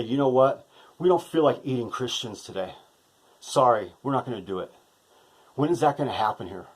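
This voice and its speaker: Man, impassioned monologue, swearing, emotionally shaken, tag questions, average pitch. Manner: impassioned, profane, repeats "okay?" as a tag. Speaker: vlogger.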